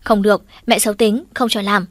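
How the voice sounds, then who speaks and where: A woman's voice: medium pitch, fairly even intonation, a little fast, no room sound, lightly acted. A playful young man of twenty who clings to his mother and pesters her, played by a woman reading an audiobook. He whines, pleads and teases. The sound is dry and close to the mic. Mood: pleading. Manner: whiny, pleading, teasing.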